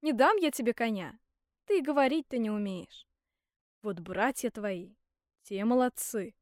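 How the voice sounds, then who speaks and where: A woman's voice: on the high side, expressive, measured pace, dry recording, clean studio sound. A woman reading a storybook aloud, voicing a stern, dismissive old father who scolds his son. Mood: scolding.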